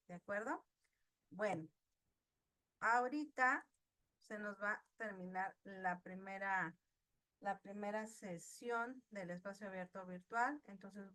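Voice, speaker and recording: A woman leads an online lesson, speaking slowly and patiently. Her voice is bright and clear, and she keeps putting questions to her students. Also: mid-range voice. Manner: slow, patient, asks the class questions. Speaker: teacher. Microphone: video call.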